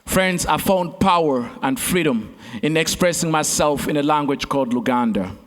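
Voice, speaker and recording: A man's voice: a little high, normal speed. A man from Uganda, giving a rhetorical keynote speech on a conference stage, with repeated phrases and direct appeals to the crowd. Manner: repetitive oratory, addresses crowd as friends. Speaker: keynote speaker and competition host. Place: large conference hall stage. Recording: long reverb of a large hall.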